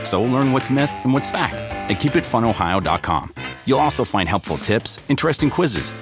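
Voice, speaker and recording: A man's voice: medium pitch, expressive, moderate pace. Male ad announcer over music. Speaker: commercial announcer. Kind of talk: scripted ad narration. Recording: clear music bed behind voice.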